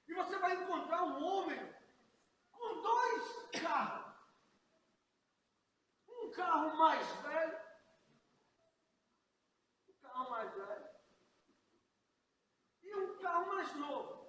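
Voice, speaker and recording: A man voicing Jesus as a calm, commanding adult man in a plain instructing tone, within a sermon. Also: very high voice, slight background noise, exaggerated voice. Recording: echoey hall, mic far off.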